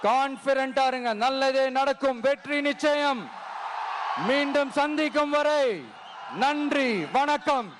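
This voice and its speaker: A man giving a fiery political rally speech as a party leader, firing off rhetorical questions and often shouting. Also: very high voice, flat delivery, measured pace. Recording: loud background noise.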